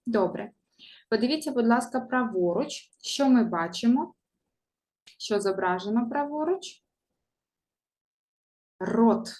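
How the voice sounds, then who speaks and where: A woman teacher giving a primary school reading lesson, talking slowly in a sing-song way to young children and modelling sounds for them to repeat. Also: a little high, darkish tone.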